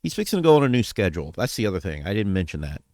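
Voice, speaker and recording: A man's voice: sits low, sing-song, racing, darkish tone, no room sound. A man talking casually in a personal vlog update, rambling, trailing off and correcting himself as he goes. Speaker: vlogger.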